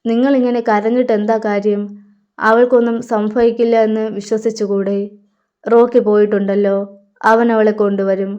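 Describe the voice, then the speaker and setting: A steady young son calming his worried parents, as a woman reads him in a story. The voice is smooth and fairly high. The audio is slightly muffled. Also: moderate pace, close to an everyday voice. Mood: reassuring.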